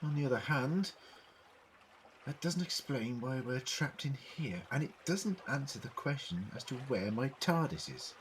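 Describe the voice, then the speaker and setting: An actor in a fan audio drama playing an eccentric, brainy alien time traveller, explaining things theatrically in precise words. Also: male voice, medium pitch, lively intonation, a little slow, slight background noise, rough recording. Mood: pondering.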